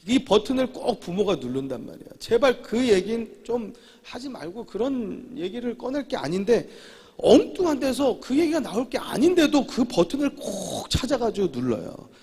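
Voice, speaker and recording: A male pastor preaching a sermon in a church, emphatic and repetitive, with sudden loud declarations. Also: extremely high pitch, sing-song, normal speed, hardly any pauses, breathy edge. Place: church sanctuary. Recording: long reverb of a church hall.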